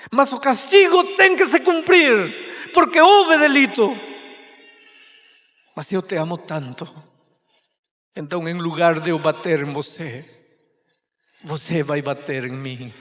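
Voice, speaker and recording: A man preaching voices a firm, loving mother of a young boy, speaking low and hushed, then rising fervently. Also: lively intonation, slow pace. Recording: long hall reverb.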